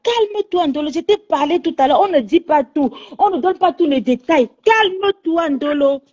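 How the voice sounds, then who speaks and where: A woman's voice: very high-pitched, animated, moderate pace, darkish tone. A woman calling into a live stream, insistently soothing and scolding. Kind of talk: pleading phone call into a live stream. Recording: dull lo-fi phone audio.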